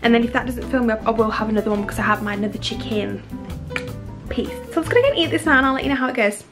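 A woman's voice: a little high, very fast, over music. A young British woman in her twenties chatting casually in a home vlog, bubbly and giggly, rambling as she goes. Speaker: vlogger. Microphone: handheld camera.

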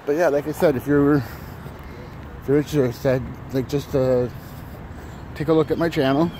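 A fairly high yet dark-toned male voice, unhurried and fairly even in intonation, comes from a vlogger in his thirties walking a city street early in the morning. He rambles casually with many fillers and restarts, slightly out of breath. His phone, held at arm's length, records street noise and traffic too.

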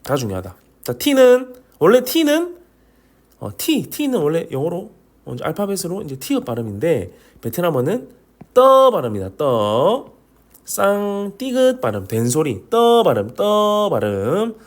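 Speaking Korean regional dialect in a high, slightly slow voice, a man runs a lively online lesson on Vietnamese pronunciation. He drills each sound by repeating it, jokes as he goes, and apologizes along the way.

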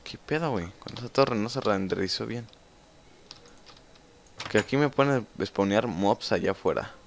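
Talking to himself over gameplay, this young Mexican-accented man is chatty, swears freely, and keeps it casual. His low-leaning voice is expressive and creaky, at a normal speed, with slight hiss or hum.

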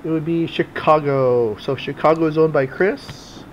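A man's voice: fairly high pitch, fairly even intonation, unhurried, dull audio. A man hosting a card break with casual, improvised running commentary, informal and muttering to himself as he works. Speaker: host of sports card box breaks. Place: small indoor home office full of cards. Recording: noisy room, camera on desk.

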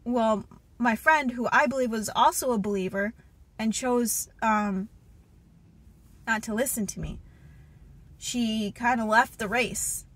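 This is a dry recording of a woman with a fairly high pitch and fairly bright tone who speaks slowly, leaving long pauses. In her thirties, she sits in a parked car with a phone at arm's length, earnestly sharing a spiritual dream in casual testimony and Bible reading, full of fillers and restarts.

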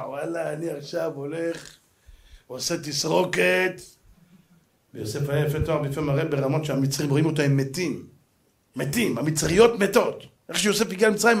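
A rabbi teaching a lively Torah class, his voice sitting high for a man. He tells the story dramatically, jumping between loud shouts and hushed asides as he acts out each character in casual street slang. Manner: slangy, colloquial street Hebrew. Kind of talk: animated Torah lesson.

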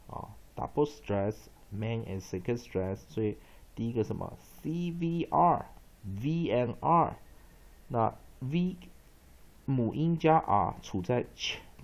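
A man teaching English pronunciation, repeating example words slowly and emphatically and dropping short filler particles between phrases. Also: medium pitch, gravelly, a little mellow. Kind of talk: pronunciation lesson.

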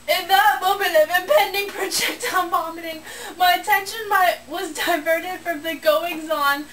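Recorded on a handheld camera a short way off, with distant sound and noticeable room noise, a young adult woman giggles and bursts into laughter while reading a comic story indoors in a small bedroom. Her voice is extremely high-pitched, pushed and bright.

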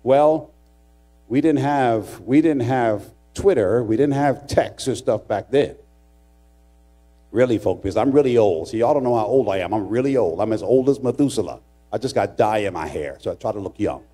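In the church sanctuary, a middle-aged pastor preaches at a normal pace in a lowish, dark-toned voice. His animated sermon is dramatic and full of funny stories and jokes shared with the congregation.

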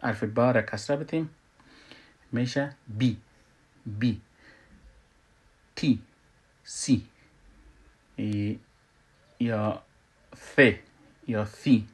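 Afghan dari accented man teaching tajweed, mid pitched, lots of uhs, sounds out letters loud. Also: long pauses, slightly rough. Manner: hesitant, many filler sounds, sounds out letters loudly. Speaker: Quran recitation teacher. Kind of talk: tajweed lesson.

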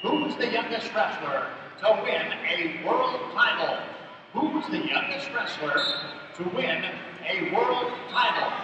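A man's voice: high voice, lively intonation, takes it slowly, dull audio. A man announcing over the intercom at a wrestling tournament, formally repeating each announcement. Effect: over the intercom, public address loudspeaker. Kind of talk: public announcements and trivia. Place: large indoor gym at a wrestling tournament. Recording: echoey gym PA heard from far off, loud noise.

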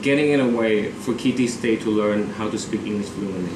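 A man's voice: lowish voice, fairly quick, noisy background. A man in his thirties hosts an interview, asking eager, upbeat questions and often restarting his sentences. He sits on a sofa a few feet from the camera mic, so his voice sounds distant and roomy. An air conditioner hums steadily in the background. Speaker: show host, interviewer. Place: living room, seated on a sofa indoors.

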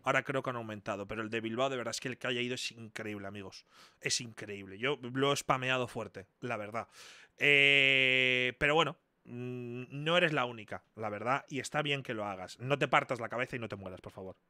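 A man in his twenties chatting casually on a live stream, chatty and incredulous, with loud outbursts. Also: mid-range voice, quick pace, dry recording, clean studio sound. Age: 20s.

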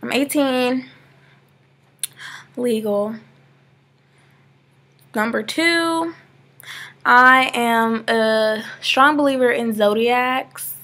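Very slow with long pauses, her fairly high, sharp-toned voice carries a casual, rambling webcam vlog. She's an eighteen-year-old from Georgia, USA, seated on a sofa in her living room, filmed close on a laptop webcam and dropping "like" constantly.

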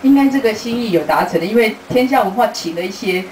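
A middle-aged woman, speaking as a travel author at a live book talk. She is a lively storyteller who acts out conversations and laughs often. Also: medium pitch, fast talker. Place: bookstore event room. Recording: roomy, distant, faint hiss.

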